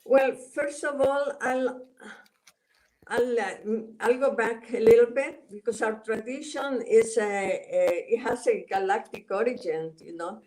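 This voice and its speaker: Woman, Spanish accent, unhurried, hesitant with fillers, video call. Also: on the high side, darkish tone, poor audio. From El Salvador. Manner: hesitant, many filler sounds and restarts. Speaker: guest, Mayan elder. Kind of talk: casual interview over a call. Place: home in Guatemala.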